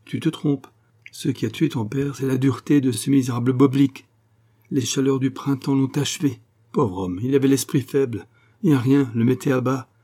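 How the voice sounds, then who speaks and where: A man's voice: medium pitch, moderate pace, warm tone, voice pushed up, lightly acted. A man voicing a plump, bustling middle-aged mother in an audiobook, coaxing and indignant by turns. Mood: consoling.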